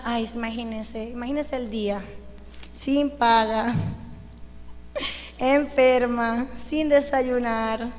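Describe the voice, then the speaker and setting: Woman preaching, high voice, big reverb hall, tells her story all emotional. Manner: emotional storytelling, acting out dialogue, shouts of praise. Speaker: preacher giving a testimony. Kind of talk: sermon testimony.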